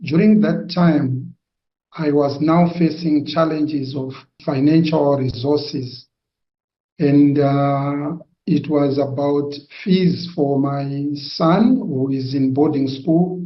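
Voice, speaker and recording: A man from Zimbabwe giving a personal testimony, slow and hesitant, with many pauses and fillers. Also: on the high side, fairly even intonation. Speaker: testimony giver. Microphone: video call. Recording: echoey, dull lo-fi sound.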